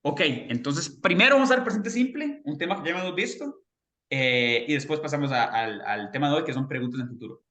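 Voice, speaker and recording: A man's voice: a little high, lively intonation, brisk, sharp tone, echoey room. A man teaching a beginner English class, patiently explaining grammar and often checking in with his students.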